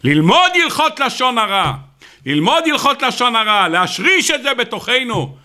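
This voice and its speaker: A rabbi delivering a sermon, an animated storyteller who talks straight to his listeners. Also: very high-pitched. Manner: animated storyteller, acts out the people in his stories; addresses the audience directly. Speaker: rabbi giving a weekly Torah talk.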